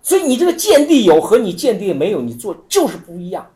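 A man giving an informal Buddhist teaching talk, telling stories in an animated way with many repetitions. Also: sits high, fast talker. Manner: animated storytelling with frequent repetitions and acted-out quotes.

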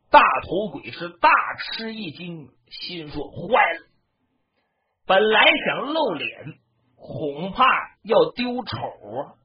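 Traditional storyteller, very husky voice, lively swooping delivery, slow measured pace, dull lo-fi recording. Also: medium pitch. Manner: dramatic, with sound effects and shouts.

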